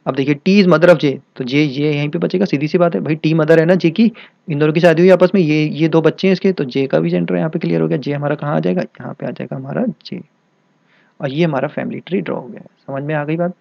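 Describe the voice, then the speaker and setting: A man's voice: a little high, fairly even intonation, quick pace, creaky, dry recording, highs cut off. Hindi-speaking man teaching step by step. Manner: repetitive, checks often if students follow. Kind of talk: explaining a reasoning problem step by step.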